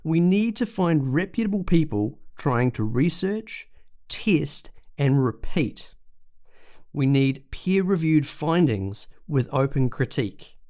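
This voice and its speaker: A man hosting a solo podcast, chatty and jokey, slowing down to stress his points. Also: fairly high pitch, animated, mellow. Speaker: podcast host.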